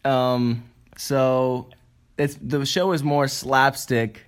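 A man's voice: mid-range voice, fairly even intonation, very slow, clear, resonant tone. A young man hosting a casual podcast, rambling with many fillers and frequent laughs. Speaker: podcast host.

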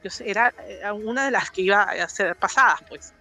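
A Panamanian woman with a Panamanian Spanish accent appears as a podcast guest, telling stories in casual conversation. Her mid-range voice runs a little fast, and she animatedly acts out the voices of her characters. Soft music plays in the background.

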